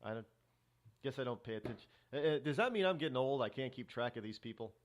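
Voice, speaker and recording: A man's voice: medium pitch, lively intonation, fast. A middle-aged man hosting a talk show, rambling through a casual monologue with many restarts and fillers.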